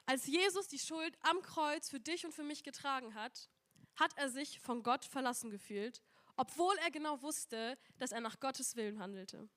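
Woman preaching with a high voice. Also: normal speed, a bit bright. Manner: earnest, asking rhetorical questions, reading scripture aloud. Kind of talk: sermon.

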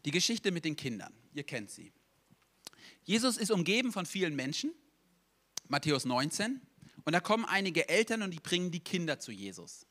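A young man preaching a sermon, telling stories in a lively way and acting out quotes casually. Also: fairly high pitch, moderate pace.

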